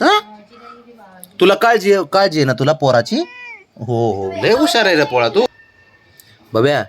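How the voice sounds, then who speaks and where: A man murmuring baby talk to an anxious pet, his voice rising and falling freely from low hums to bright coaxing calls. He keeps it gentle and patient, repeating the same calm reassurances again and again. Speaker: pet owner vlogger.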